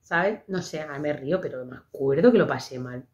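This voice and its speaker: A woman's voice: low-pitched, a little fast, darkish tone. A woman with a Spain Spanish accent hosting a podcast, talking casually and expressively with lots of fillers. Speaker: podcast host. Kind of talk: casual monologue. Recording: dull lo-fi podcast audio.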